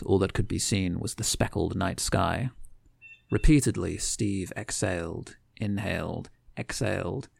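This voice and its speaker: A man's voice: low voice, vocal fry, no room sound. A man co-hosting a comedy podcast, chatting loosely and then reading a long extract from his own writing, rambling and correcting himself as he goes. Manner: rambling, self-correcting storyteller. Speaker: podcast co-host.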